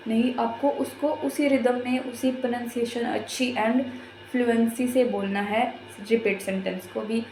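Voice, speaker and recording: Woman teacher explaining step by step, kinda high voice, roomy echo. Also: darkish tone, a little hiss or hum. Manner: repetitive, patient step-by-step explaining. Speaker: exam prep teacher. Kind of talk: casual explanatory lesson.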